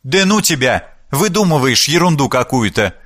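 A man's voice: medium pitch, sing-song, moderate pace, fairly bright tone. A man voicing an indignant, easily offended young woman in an audiobook. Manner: indignant, whiny.

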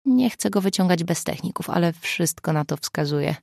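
A woman's voice: fairly low pitch, lively intonation, moderate pace, creaky, a little mellow, no room sound, studio quality. A woman reading a curt, stern male cop. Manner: curt, condescending.

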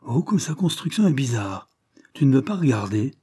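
A man's voice: mid-range voice, very animated, normal speed, slightly rough, no echo, studio quality, pitched above the performer's own voice. A man voicing a terse brooding young lord. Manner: terse, quiet replies.

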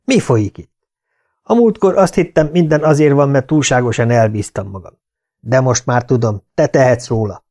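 A man voicing an excitable, self-assured male veterinary surgeon in an audiobook reading, with boastful, exclaiming delivery. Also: medium pitch, lightly acted. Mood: exasperated.

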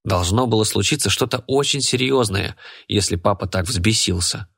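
A man narrates a first-person story in a steady, measured reading voice. His pitch sits on the low side. The delivery stays even throughout. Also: creaky, husky. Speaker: audiobook narrator.

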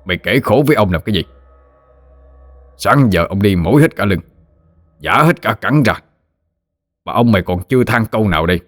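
A man voicing a brutal middle-aged village chief who speaks hoarsely and barks threats in a told story. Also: low-pitched, expressive, normal speed, long pauses, fairly bright tone, no echo. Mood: bullying. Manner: bullying, barking threats.

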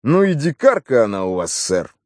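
A man voicing a brash, gruff middle-aged police inspector in an audiobook, quick and emphatic. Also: mid-range voice, big pitch swings, a little mellow, dry recording, clean studio sound, lightly acted. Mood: blustering. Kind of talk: audiobook character voice.

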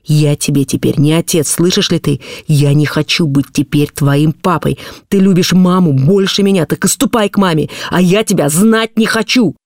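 A woman's voice: low voice, fairly even intonation, moderate pace, few pauses, a little mellow, no room sound, studio quality. A woman reading an audiobook voices a desperate father who pleads, threatens and coaxes with a trembling voice. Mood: frantic. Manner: trembling, feverish, then stern. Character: desperate, pleading then harsh poor father.

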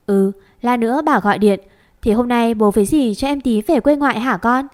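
A woman's voice: on the high side, normal speed, a little mellow, natural voice. A woman voicing an old grandmother who scolds fondly and gives homely advice. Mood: chiding.

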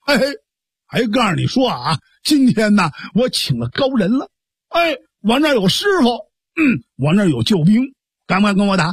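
A storyteller voicing a rowdy, boastful young man who taunts his sister in a pitched-up voice. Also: very animated, normal speed, slightly rough, no room sound, heavily acted. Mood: taunting. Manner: taunting, cocky shouting.

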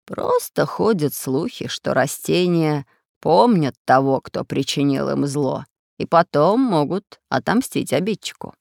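A woman voicing an elderly male professor who speaks slowly and in a measured, ominous way. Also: low voice, lively intonation, creaky, a little mellow, no echo, clean studio sound, full character voice. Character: elderly male professor and geographer, calm and learned.

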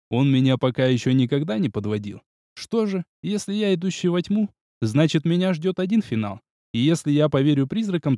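A man reading first-person fantasy narration in a brisk, wry manner. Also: fairly high pitch, mellow, dry recording, clean studio sound. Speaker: audiobook narrator.

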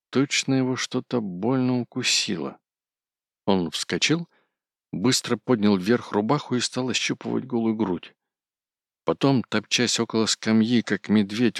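A man narrating a classic story in a steady, measured reading. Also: on the low side, no room sound, studio quality.

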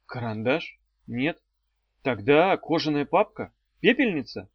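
A man's voice: medium pitch, animated, measured pace, no echo, close to an everyday voice. A man voicing a glum, cheeky twelve-year-old boy apprentice who makes unsure guesses, in a dry, slightly dull recording.

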